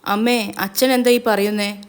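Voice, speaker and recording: A loud, emotional young woman who pleads and presses for answers, put on by a female narrator. Her voice sits a little higher and stronger than the narrator's own, with a fairly level melody, in a spoken storybook reading. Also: steady tone, measured pace, smooth, close to an everyday voice. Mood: anxious. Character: distraught young woman, a grown daughter.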